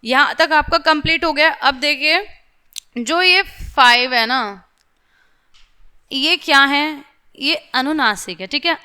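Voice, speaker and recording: A young woman teacher explaining lessons to small children, slowly sounding out letters and checking again and again that they follow, with English words mixed into her Hindi. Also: high voice, pushed and bright.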